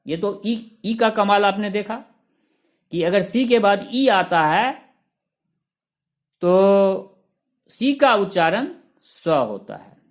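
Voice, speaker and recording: A man's voice: high voice, takes it slowly, long pauses. A man teaching a lesson, listing example words one by one and spelling some of them out letter by letter. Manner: lists examples in a steady rhythm. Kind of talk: classroom-style lesson explanation.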